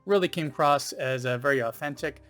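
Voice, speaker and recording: A man's voice: mid-range voice, fairly quick, a bit bright, soft background music. Rambling male film reviewer. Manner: rambling, many ums and you-knows. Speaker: film reviewer, channel host. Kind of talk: casual spoken video review.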